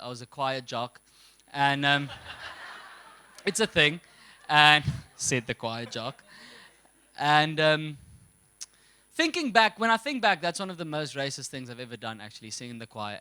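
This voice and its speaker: A young stand-up comedian from South Africa, his Afrikaans accent strong. His voice sits high for a man and rings bright and forceful, and his delivery is animated as he drops in and out of mocking voices for the characters he describes. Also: smooth.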